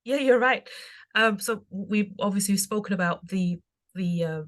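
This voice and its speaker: A woman from Austria with an Austrian accent, a podcast guest telling her story in an animated, chatty way with frequent laughs. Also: medium pitch, unhurried. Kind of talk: casual interview chat.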